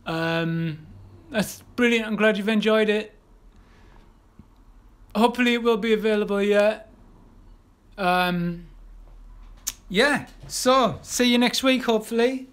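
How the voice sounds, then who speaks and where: A man's voice: high voice, takes it slowly, pauses often, fairly bright tone, clear, resonant tone. A man leading a live draw-along painting class, chatty and encouraging, talking as he paints with lots of ums and restarts. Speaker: illustrator teaching a live art class.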